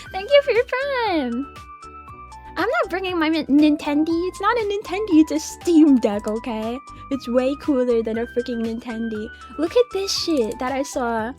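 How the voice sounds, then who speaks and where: A young woman VTuber chatting casually on a livestream, excitable and giggly, swearing freely. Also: sits high. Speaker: VTuber streamer.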